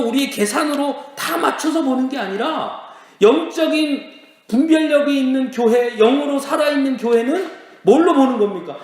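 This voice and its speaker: High-voiced male pastor in echoey church. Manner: preaching with rhetorical questions and frequent "예" asides. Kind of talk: sermon. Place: church sanctuary.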